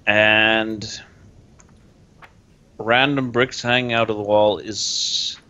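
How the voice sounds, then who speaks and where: A man's voice: on the low side, level tone, very slow, sharp tone, clean tone. A man playing a tabletop game, chatting casually and narrating what his character does. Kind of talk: casual role-play chat. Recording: dull, lo-fi sound.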